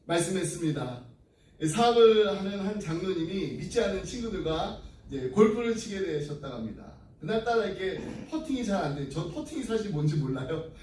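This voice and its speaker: A man's voice: sits high, sing-song, brisk, a little mellow, slight background noise. A male pastor preaching an earnest sermon to his congregation, then closing in prayer. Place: church sanctuary. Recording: echoey room, distant mic.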